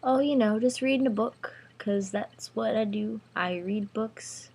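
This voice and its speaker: A woman's voice: medium pitch, unhurried, darkish tone, slightly rough. A woman voicing a cheeky, awkward fifth-grade boy who sounds chirpy and innocent.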